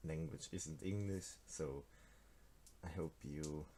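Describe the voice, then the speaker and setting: A teenage Swiss game developer, a native Swiss German speaker with a Swiss German accent, casually walks through his card game in a screen-recorded devlog. His very deep, warm voice moves slowly, and he sounds hesitant, full of fillers and restarts. A little hiss or hum sits under the recording.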